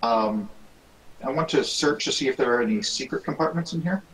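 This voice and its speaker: A man's voice: medium pitch, brisk, fairly bright tone, rough recording. A man playing a tabletop role-playing game, speaking hesitantly and stammering. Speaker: player.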